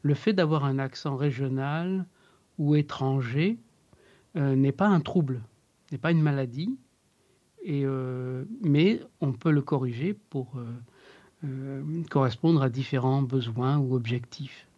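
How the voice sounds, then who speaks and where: A man working as an accent coach, explaining in an interview in a measured way with frequent hesitations. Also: mid-range voice, dark tone, highs cut off.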